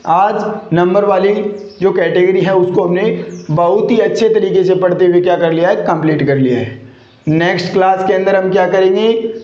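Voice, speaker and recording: A male English grammar teacher gives a classroom lecture in a rather high, darkish voice. He drills every point by asking rhetorical questions and repeating the answers. The recording sounds muffled and echoey.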